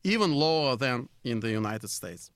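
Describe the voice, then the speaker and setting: A man with a Russian accent co-hosting poker radio, speaking English with frequent ums and pauses. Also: mid-range voice, lively intonation, fairly bright tone, no room sound. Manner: hesitant, many filler pauses. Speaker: radio co-host. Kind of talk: casual poker radio chat.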